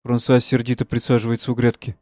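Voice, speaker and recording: A man reading the stage directions of a play in a quiet, subdued delivery. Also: mid-range voice, completely flat delivery, quick pace, no echo, studio quality. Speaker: reader.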